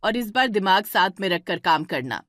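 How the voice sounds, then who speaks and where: A woman's voice: medium pitch, lively intonation, normal speed, no echo, studio quality, natural voice. A woman doing a stern scolding mother-in-law. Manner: scolding, sharp questions.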